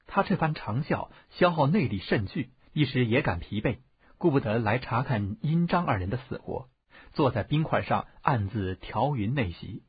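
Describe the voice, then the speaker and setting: A man narrating a martial-arts novel as an audiobook, telling it expressively with a husky voice. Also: medium pitch, moderate pace, no echo. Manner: expressive storytelling, varied tone. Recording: dull, dry lo-fi audiobook recording.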